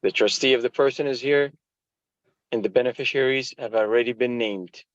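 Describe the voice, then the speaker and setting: A man arguing as a defendant in court, insistent and repetitive, tripping over his words. His voice is mid-pitched. The audio is dull, dry and lo-fi. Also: fairly quick, no echo.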